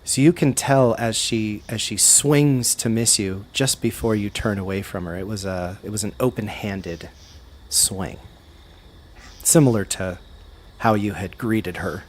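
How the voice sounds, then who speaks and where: A man's voice: on the low side, measured pace. A man narrating as game master of a tabletop game, descriptive and hesitant, with frequent fillers.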